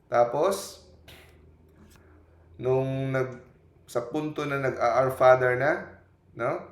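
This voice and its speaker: A man's voice: medium pitch, very slow. A man preaching a storytelling sermon, retelling scenes in quoted lines and often adding a questioning "no?". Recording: echoey room.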